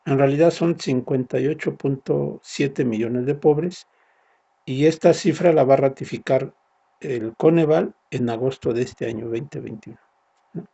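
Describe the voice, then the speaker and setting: Male lecturer, mellow gravelly delivery, explanatory with tag questions. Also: mid-range voice, measured pace, lo-fi sound. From Mexico. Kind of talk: recorded university lecture.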